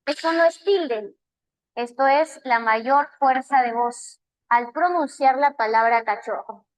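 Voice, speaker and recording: A woman's voice: high-pitched, slow pace, no room sound, poor audio. A Peruvian woman, a language teacher giving an online class, explaining step by step and checking in with her students. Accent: Peruvian Spanish. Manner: patient, explains step by step with frequent check-ins.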